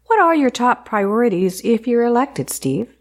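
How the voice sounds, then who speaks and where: A woman's voice: on the high side, very animated, moderate pace. A woman hosting a radio interview, asking questions in a friendly way with short affirmations.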